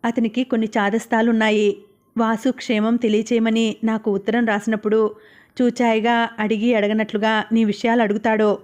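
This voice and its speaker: A woman voicing an earnest friend who gently scolds and mediates. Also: on the high side, little pitch movement, normal speed, natural voice. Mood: reproachful. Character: calm, reproachful woman friend, patient mediator.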